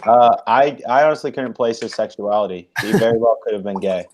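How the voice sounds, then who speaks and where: A young man with a lowish voice talks loosely as a guest on a casual online hangout. He rambles and hedges, restarting his sentences, and sounds a bit self-conscious. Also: a little fast, background noise.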